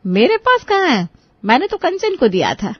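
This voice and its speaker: A woman's voice: high-pitched, huge pitch swings, normal speed, no echo, dull audio. A woman voicing a fussy, dramatic middle-aged mother of the groom in a cartoon story. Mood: fretful. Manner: dramatic, complaining.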